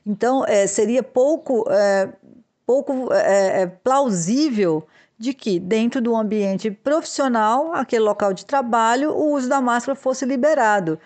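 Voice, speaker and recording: A woman explains workplace legal rules on a podcast. She is deliberate and advisory, and she often hesitates and restarts a phrase before going on. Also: on the high side, darkish tone. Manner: measured, with frequent hesitations and restarts. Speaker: podcast host, labor law advisor.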